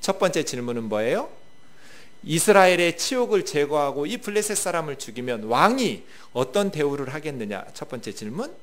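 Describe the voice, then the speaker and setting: A male pastor preaching a sermon, asking the congregation questions and swinging from loud bursts to quiet asides. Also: fairly high pitch, big pitch swings, normal speed.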